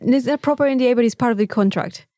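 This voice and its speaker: A woman with a Mexican accent co-hosts a casual podcast chat, rambling informally and swearing. Her voice is on the high side, fast and mellow, captured in a dry, clean studio recording.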